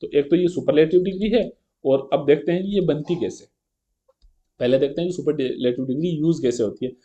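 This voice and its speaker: A male grammar teacher teaches an exam-prep lesson step by step, often checking in with a quick rhetorical question and reading example sentences slowly. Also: on the high side, warm tone, dull audio. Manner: reads English example sentences slowly and carefully.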